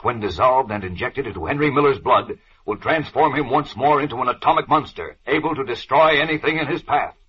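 A man's voice: mid-range voice, close to an everyday voice. An American man narrating a 1940s radio serial as a melodramatic, suspense-building old-time announcer. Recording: dull vintage 1940s radio recording.

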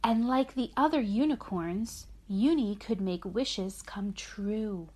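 A mother and host reads a gentle sleep story aloud, taking it slowly in a medium-pitched voice with a darkish tone. She talks with her small child along the way, explaining things simply and encouragingly.

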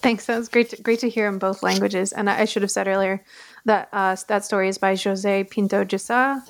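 Fast-talking woman editor interviewing a guest, pretty flat delivery, conversational. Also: mid-range voice. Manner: conversational, quick and level.

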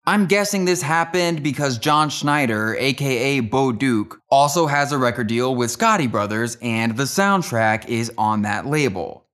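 A man's voice: medium pitch, measured pace, hardly any pauses, a bit bright. Man narrating with dry wit. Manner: dry, wry asides. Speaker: music history narrator. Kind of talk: scripted narration.

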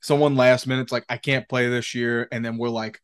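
A man's voice: medium pitch, little pitch movement, a little fast, clear, resonant tone. A man co-hosting a podcast in casual chat, rambling and slangy, with plenty of swearing. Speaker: podcast co-host.

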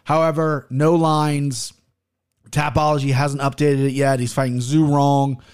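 A man's voice: mid-range voice, level tone, measured pace, a little mellow, clear, resonant tone. An American man hosting a casual solo podcast, rambling bluntly with some swearing while talking with his mouth barely open. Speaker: podcast host.

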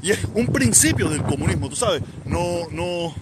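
A man's voice: high-pitched, animated, moderate pace. A middle-aged man with a Cuban accent, boastful and rambling as he talks back to viewer comments on a live stream, recorded outdoors near an airport. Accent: Cuban Spanish. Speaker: livestream host reading viewer comments. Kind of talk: casual live-stream monologue. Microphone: phone with headphones on. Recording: outdoor traffic and plane noise.

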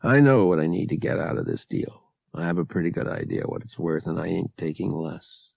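Man voicing a cocky young male smuggler, husky, no-nonsense haggling, storybook reading. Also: low voice, lively intonation, brisk, darkish tone, dry recording, studio quality, pitched below the performer's own voice, heavily acted. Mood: hard-nosed. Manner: blunt, clipped bargaining.

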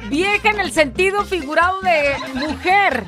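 A woman's voice: very high voice, a little slow, over loud music. A woman with a Mexican Spanish accent co-hosting a comedy show, teasing and laughing with her partner. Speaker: radio co-host. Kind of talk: joking banter.

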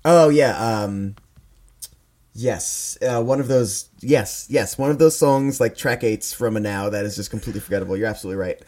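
A man's voice: fairly low pitch, normal speed, mellow. A man co-hosting a podcast, chatting casually with dry, sarcastic humor. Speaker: podcast co-host. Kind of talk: casual chat.

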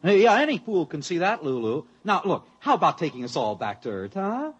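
An actor playing an excitable, grumbling spaceship crewman in an old radio drama. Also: on the high side, fairly quick, slightly rough, muffled recording. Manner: excitable and complaining. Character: jumpy, grumbling spaceman crew member. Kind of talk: 1950s radio drama acting.

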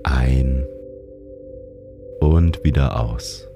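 A man narrates a guided sleep meditation in a soothing, calm manner, like a sleep-story narrator. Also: very deep voice, drawn-out words, over music. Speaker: meditation guide and show host.

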